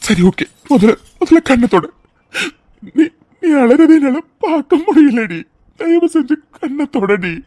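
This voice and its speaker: A devoted young husband from a cartoon drama, voiced by a woman, speaks in a fairly high voice, tender and pleading. The sound is close and completely dry, with no room around it. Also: lively intonation, moderate pace, a little mellow, dry recording. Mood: tearful tender. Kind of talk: tearful cartoon drama voice acting.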